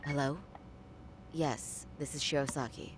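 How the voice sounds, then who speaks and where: An actress playing a composed, formal lawyer in a game dub. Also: female voice, low-pitched, steady tone, measured pace, noisy background. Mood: measured. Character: composed adult female lawyer.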